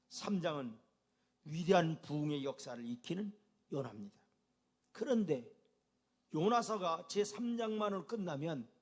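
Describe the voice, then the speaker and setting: A male pastor preaching a sermon with emphatic delivery, asking the congregation rhetorical questions. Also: on the high side. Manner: emphatic preaching with rising and falling intensity.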